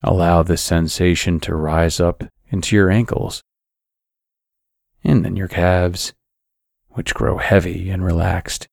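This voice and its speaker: Man, sleep-story narrator, very unhurried, calm and soothing, scripted guided meditation, close dry sound. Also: deep voice, creaky, no room sound.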